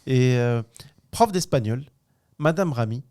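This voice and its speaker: A man in his thirties from Morocco, telling a school story in casual chat, animated and frank, laughing often and using slang. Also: medium pitch, measured pace. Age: 30s. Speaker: podcast co-host.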